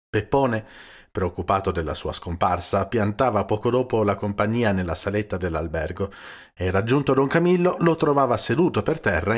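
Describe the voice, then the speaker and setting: A man reading a novel aloud as an audiobook, with steady, measured storytelling. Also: fairly low pitch. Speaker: audiobook reader. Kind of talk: audiobook narration.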